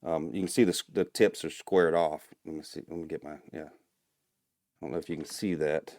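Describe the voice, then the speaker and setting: Man, very deep voice, relaxed explainer, dry close sound, casual podcast guest. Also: normal speed, no echo. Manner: relaxed, explains step by step with fillers. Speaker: guest, turkey call maker.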